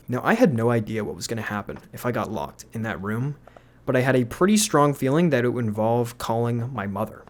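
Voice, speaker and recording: A young man, a YouTuber, telling a storytime with animation, laughing and swearing freely. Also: mid-range voice. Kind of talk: storytime narration.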